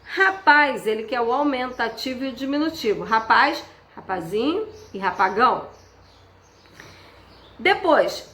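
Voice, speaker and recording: A woman teacher giving a patient remote lesson, slowing down to stress key words. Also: fairly high pitch, a bit bright. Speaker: schoolteacher. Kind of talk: remote class instructions. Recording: echoey room.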